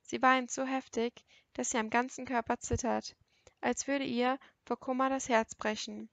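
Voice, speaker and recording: A woman narrating a first-person novel as an audiobook, in an intimate, even storytelling manner. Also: fairly high pitch, moderate pace, gravelly, no room sound.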